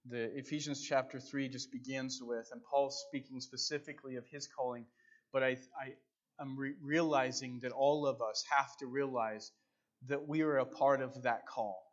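A man's voice: mid-range voice, steady tone, normal speed. A man preaching and praying earnestly as a pastor, speaking into a pulpit microphone in church. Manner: earnest, devout, with repeated praise phrases. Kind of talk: sermon and extemporaneous prayer. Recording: dull, band-limited church sound recording.

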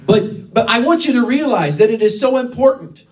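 A man's voice: very high voice, animated, moderate pace, recorded from a distance, rough recording. A middle-aged man preaching a sermon in a conversational, emphatic way, often restarting his phrases.

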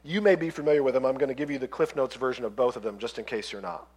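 A man's voice: mid-range voice, racing, a little mellow, breathy edge. A male pastor preaching a sermon in a conversational way, retelling parables and acting out the voices of the characters. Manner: conversational, acts out voices in stories.

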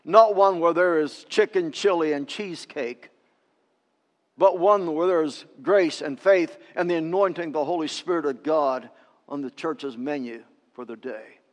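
A male pastor preaching a sermon, emphatic, swinging between loud declarations and hushed appeals, in a church sanctuary. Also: a little high, a little slow, big-room sound.

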